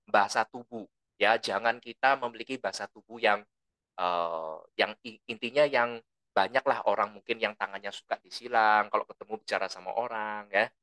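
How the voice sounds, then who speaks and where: Male trainer, bright mid-pitched voice, dry close sound, relaxed lecturing delivery that leans toward loudness. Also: normal speed, no echo. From lived abroad for a long time. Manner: relaxed, explanatory, tags sentences with "ya"; says his own volume tends to run loud. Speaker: presentation skills trainer.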